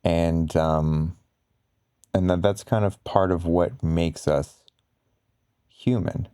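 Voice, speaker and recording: A man with a very low, dark and mellow voice talks slowly, as in bedtime pillow talk for ASMR. He rambles casually through explanations, pausing often. The delivery stays flat and relaxed. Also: smooth, dry recording, clean studio sound. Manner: halting, rambling, casual explaining with frequent pauses. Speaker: ASMR content creator.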